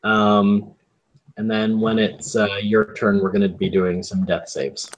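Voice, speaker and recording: A man running a tabletop game as game master, explaining the rules in halting stretches full of ums and restarts. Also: lowish voice, flat delivery.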